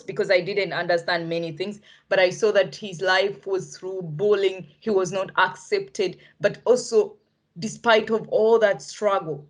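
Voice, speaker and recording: A woman with an African accent giving a spontaneous, earnest spoken reflection in halting phrases, often repeating words. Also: medium pitch, a little mellow. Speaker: participant in an online arts event discussion.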